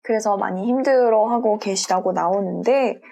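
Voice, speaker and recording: A young adult woman giving a general tarot reading, speaking gently and reassuringly straight to her viewers. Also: mid-range voice, normal speed, creaky. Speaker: tarot reader.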